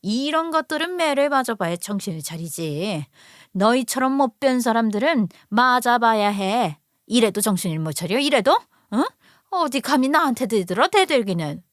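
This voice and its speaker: A woman voicing a harsh, insulting older mother-in-law who shouts and scolds, in a storybook radio reading. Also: fairly high pitch, expressive, moderate pace, dry recording, clean studio sound, close to an everyday voice. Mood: furious.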